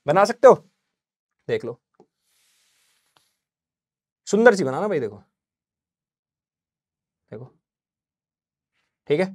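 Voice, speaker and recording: A man teaching an exam-prep lesson, slowly dictating English answers and explaining in chatty Hindi. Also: high voice, no echo.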